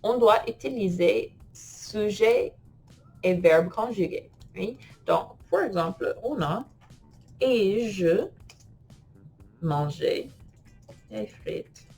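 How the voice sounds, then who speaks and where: A woman's voice: mid-range voice, expressive, drawn-out words, long pauses, darkish tone, faint music behind. A woman teaching French grammar in an online lesson, playful and laughing often as she types and talks to herself.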